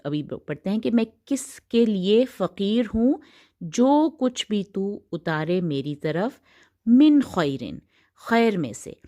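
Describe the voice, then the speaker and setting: Woman tajweed teacher, lowish voice, slow and patient, draws out recited words. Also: darkish tone. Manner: patient, drawn-out recitation of Arabic words between explanations. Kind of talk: tajweed lesson, explaining and reciting slowly.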